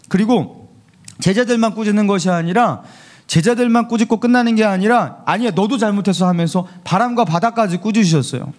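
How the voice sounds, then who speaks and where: Pastor guy preaching, high lively voice, keeps asking the church questions. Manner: animated preaching, asks the congregation questions. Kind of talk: sermon.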